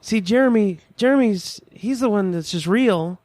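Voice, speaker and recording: A man's voice: high voice, moderate pace, darkish tone, dry recording. A man performing in an improvised comedy scene, playing a son who drops his fake posh voice for a plainer one.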